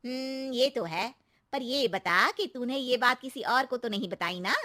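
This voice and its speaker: A woman's voice: on the high side, measured pace, no room sound, clean studio sound, voice pushed up. A woman voicing an older neighbor aunty in a cartoon moral story, who gives knowing warnings. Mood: sly. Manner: warns in a hushed, knowing tone.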